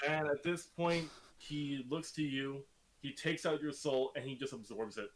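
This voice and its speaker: A man's voice: mid-range voice, unhurried, low-quality recording. Man narrating as game master. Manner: vivid, dramatic narration.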